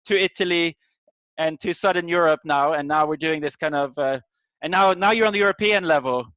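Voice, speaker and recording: This is a fairly quick, high-leaning male voice with a fairly bright, clean tone on a dry recording. The speaker, a middle-aged Swede, informally hosts an online community meeting, struggling for words as he greets and introduces people, and the video call microphone gives the audio a dull, lo-fi quality.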